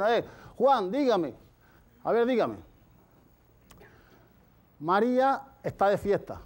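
A man's voice: high-pitched, a little mellow. A man telling jokes on stage in a loose, rambling way, dropping to a murmur for the lovers' lines. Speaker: stand-up comedian.

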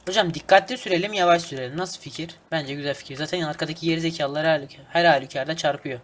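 Casual gamer guy commentating his play, fairly high voice, quick to curse and joke. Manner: excitable, swears and grumbles at traffic, hums snatches of folk song. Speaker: gaming channel host.

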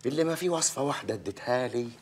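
A blustering Egyptian village mayor. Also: male voice, mid-range voice, expressive, rapid-fire, husky. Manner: commanding, blustering, mocking. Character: bossy middle-aged village mayor.

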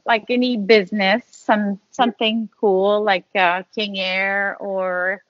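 A woman's voice: mid-range voice, slow, no room sound. A woman from Canada, a pilot guest on a podcast, chatting casually with lots of fillers and restarts. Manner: relaxed, rambling, with fillers and restarts. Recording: dull lo-fi audio.

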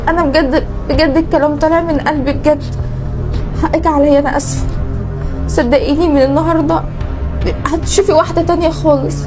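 An actress playing a jealous young Egyptian wife who is curt and sharp with guests, speaking with an Egyptian Arabic accent. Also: female voice, extremely high pitch. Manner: sharp and curt, then pleading. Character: jealous scheming young wife turning remorseful. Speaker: wife in a family drama. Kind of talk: Egyptian web drama acting.

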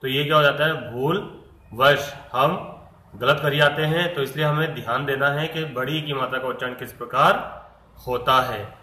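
A man's voice: mid-range voice, steady tone, a little slow, bright, forceful tone, roomy sound, rough recording. A man teaching pronunciation, asking rhetorical questions and answering them while stretching words out. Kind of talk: slow, deliberate Hindi pronunciation lesson.

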